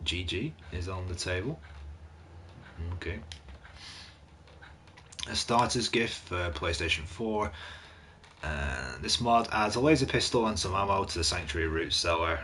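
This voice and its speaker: A man with a low voice talks through a run of game mods in a casual, off-hand way, reading the descriptions out and tossing in blunt asides. His voice sounds like it is starting to wear. A faint hiss sits under the recording. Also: a little slow, pauses often, bright, forceful tone. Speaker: gaming channel host. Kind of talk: casual mod review commentary.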